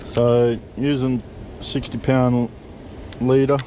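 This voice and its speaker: Speaking slowly in a mellow, medium-pitched voice with flat delivery, this man is heard over slight background noise. He's a middle-aged Australian fishing vlogger, casually explaining how he rigs gear at the back of a parked car, swearing in an easygoing way, with the audio coming from a body camera worn for a point-of-view shot.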